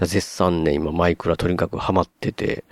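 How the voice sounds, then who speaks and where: A man with a Kansai accent, chatting on a podcast as a co-host and telling stories in an animated way, acting out his own surprised reactions. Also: low-pitched, normal speed, no echo. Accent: Kansai Japanese. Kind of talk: casual podcast chat.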